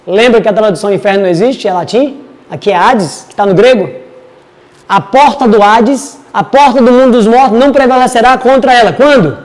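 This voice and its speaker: A man's voice: very high voice, fairly quick, long reverb tail. A man teaching a casual Bible study, chatty and digressive as he reads verses aloud.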